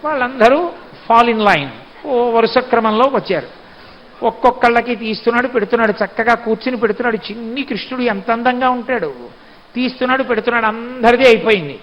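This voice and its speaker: A man giving a devotional discourse, retelling a sacred story in an animated way. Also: very high voice, a little hiss or hum. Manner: animated storytelling, acts out voices. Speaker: spiritual discourse speaker.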